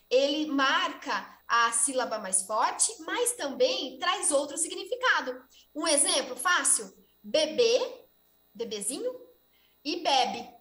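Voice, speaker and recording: A Brazilian woman with a high, bright voice talks through an informal lesson as a teacher. She keeps it chatty and often checks in with her listeners. The sound carries a noticeable room echo. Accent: Brazilian Portuguese. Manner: chatty, often ends with "tá?" and "gente". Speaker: teacher of deaf children.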